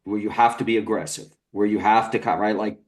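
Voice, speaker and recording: Thoughtful low-voiced male podcast host. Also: fairly even intonation. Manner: measured and thoughtful, restarts his sentences while framing long questions. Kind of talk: long-form interview questions.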